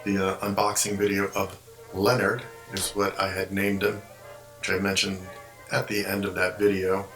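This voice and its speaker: Man, low voice, bright forceful tone, rambling show-and-tell, echoey room, faint music behind. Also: completely flat delivery, normal speed. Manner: rambling, explains as he handles the puppet. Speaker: ventriloquist and puppet collector. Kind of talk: casual show-and-tell vlog.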